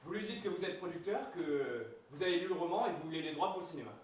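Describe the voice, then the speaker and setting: Impatient bossy schemer played by a man, exasperated, high fast voice, distant stage sound. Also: close to an everyday voice. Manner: curt, exasperated, commanding. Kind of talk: amateur stage comedy. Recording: echoey stage from far off, faint noise.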